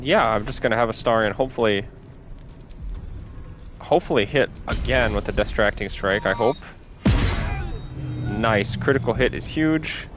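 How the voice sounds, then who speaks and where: A man giving casual, upbeat commentary while playing a game, thinking aloud about each move. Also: on the low side. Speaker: gameplay streamer.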